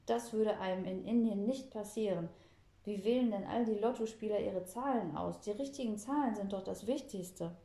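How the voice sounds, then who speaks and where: A woman's voice: mid-range voice, normal speed, mellow, close to an everyday voice. A woman voicing a dry, teasing old grandfather from India in a read-aloud children's story, with a roomy echo on the recording. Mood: indignant. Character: wry old grandfather from India, fond of sayings.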